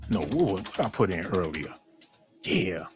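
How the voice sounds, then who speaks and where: A man's voice: deep voice, big pitch swings, a little slow, soft background music. A male host giving mocking, profane comedic commentary on a stream.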